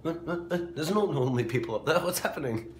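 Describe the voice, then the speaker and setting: A man's voice: a little high, lively intonation, fast talker, echoey room, a little hiss or hum, pitched above the performer's own voice, lightly acted. A man voicing his small pet dog, puzzled and asking the same question over and over. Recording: background music.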